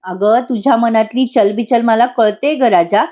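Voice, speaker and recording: A woman voicing a protective middle-aged father who is gentle with his daughter but stern. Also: fairly high pitch, a little slow, lo-fi sound, lightly acted.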